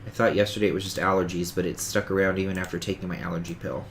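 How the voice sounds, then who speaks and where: Speaking very fast in a low, fairly even voice with a little hiss or hum in the recording, a man with a cold sounds stuffy and sniffly. This gaming streamer rambles casually through a survival game, narrating every step and correcting himself as he goes.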